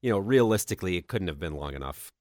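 A man's voice: low voice, lively intonation, fast, a little mellow, dry recording, clean studio sound. A man with a nasal, stuffed-up voice from a cold, co-hosting a podcast in casual, joking chat about games. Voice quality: nasal, congested. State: under the weather with a cold, occasional cough. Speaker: podcast co-host.

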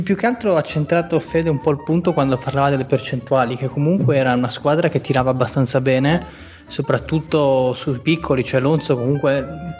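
A man's voice: medium pitch, darkish tone. A man co-hosting a basketball podcast, talking in a thoughtful way with fillers. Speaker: podcast co-host. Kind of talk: casual basketball chat.

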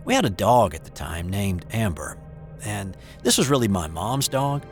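An older man telling his own eerie childhood story in the first person, hesitant and hushed, with small restarts. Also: fairly low pitch, expressive, normal speed, faint music behind. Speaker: narrator of a true eerie story.

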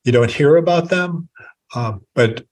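A male author as an interview guest, explaining history in a measured, storytelling way. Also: a little high, a little mellow, low-quality recording. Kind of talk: podcast interview conversation.

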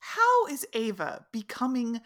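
A woman co-hosts a relaxed soap opera chat, speaking slowly. Her pitch swings widely as she jumps in with questions and disbelief. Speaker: podcast co-host.

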